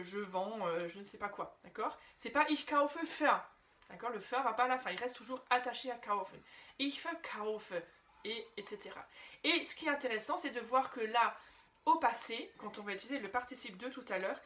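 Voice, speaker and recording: A woman's voice: fairly high pitch, a bit bright. Patient woman teaching a language lesson. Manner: explains patiently, often checks in with "d'accord?"; slows right down to pronounce example sentences. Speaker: German teacher.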